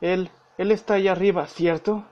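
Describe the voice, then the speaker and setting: A man's voice: high voice, steady tone, normal speed, lo-fi sound, background noise. A man commentating a horror game, reading its text aloud and swearing and yelping when scared. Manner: swears and yelps when startled. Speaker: gameplay commentator.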